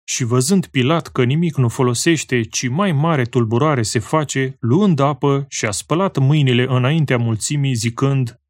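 A man reading scripture aloud in a solemn, slow and measured way, pausing phrase by phrase. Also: medium pitch, no room sound, clean studio sound. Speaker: scripture reader.

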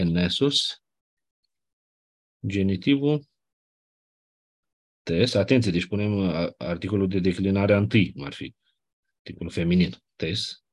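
Male teacher, lowish husky voice, patient lecturing delivery. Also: darkish tone. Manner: explanatory, checks understanding with "nu?". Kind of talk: classroom lecture.

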